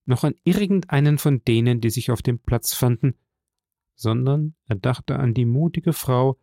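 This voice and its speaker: A man narrating a classic novel as an audiobook, in a measured, deliberate reading. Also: mid-range voice, warm tone, dry recording, studio quality. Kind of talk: scripted literary narration.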